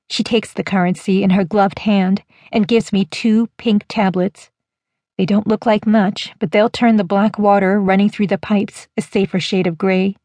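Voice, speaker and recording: A woman narrating a first-person audiobook in a measured, even storytelling manner. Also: medium pitch, no echo.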